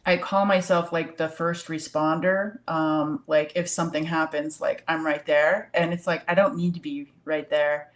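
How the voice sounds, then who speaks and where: A woman with a low voice chatting warmly in a spiritual discussion. She rambles and fills her speech with likes and ums, laughing often. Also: steady tone, normal speed, few pauses. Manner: warm, rambling, many fillers, laughs often.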